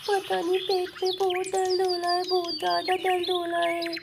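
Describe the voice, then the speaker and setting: A woman's voice: very high-pitched, monotone, moderate pace, vocal fry, noisy background. A woman voicing a whimpering little doll girl in pain. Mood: pained pleading. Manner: pleading, whining. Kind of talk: doll play story.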